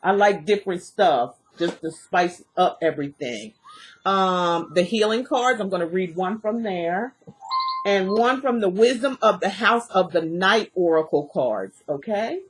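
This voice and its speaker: A woman's voice: mid-range voice, expressive, a little slow, slight background noise, poor audio. A woman giving a casual tarot reading in a folksy, rambling way, her speech slightly impeded by a dental retainer. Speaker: tarot reader.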